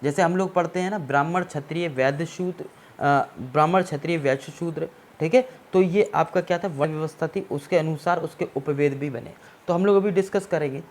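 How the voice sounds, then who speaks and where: A man's voice: on the high side, brisk. Hindi-speaking male teacher lecturing on history. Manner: explanatory, repeats "ठीक है ना" to check understanding; mixes English words into Hindi. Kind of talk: exam-prep history lecture.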